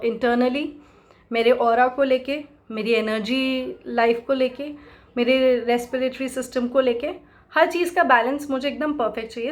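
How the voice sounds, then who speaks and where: A woman teaching how to chant, explaining slowly, patiently and with repetition. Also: on the high side. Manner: slow, explanatory, fond of repeating herself. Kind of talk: spoken instruction mixing Hindi and English.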